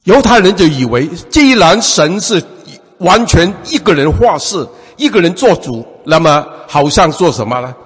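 A man preaches a sermon with a lot of repeated fillers and restarts. His voice is slightly husky and sits a little high for a man, swinging widely in pitch as he preaches. A long reverb trails behind him, as in a large hall. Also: very animated, normal speed.

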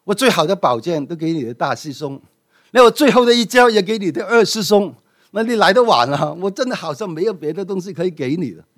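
A man's voice: high voice, expressive, fast talker, pitched above the performer's own voice. A man voicing a kind, generous old male kung fu master in a sermon story. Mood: fond. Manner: generous, fond.

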